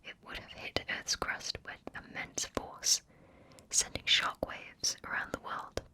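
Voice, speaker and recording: An ASMR narrator whispering scripted facts right up close to the listener's ear throughout. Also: measured pace. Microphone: close ear-to-ear stereo microphone.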